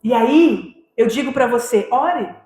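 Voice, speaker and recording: A woman preaching a fervent sermon to a congregation, sometimes rising to shouts. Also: on the high side, expressive, slow pace. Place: church. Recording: echoey church hall with music.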